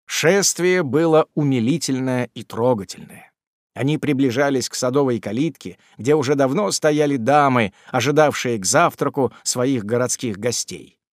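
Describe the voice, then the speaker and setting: A man narrating a classic novel as an audiobook in an expressive storytelling manner. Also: medium pitch, normal speed, no echo, studio quality.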